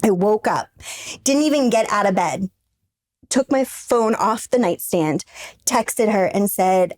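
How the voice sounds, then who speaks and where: A woman's voice: medium pitch, lively intonation, slow pace, darkish tone. A woman, a brand founder, talking as a podcast guest in a casual, chatty way, full of fillers and restarts.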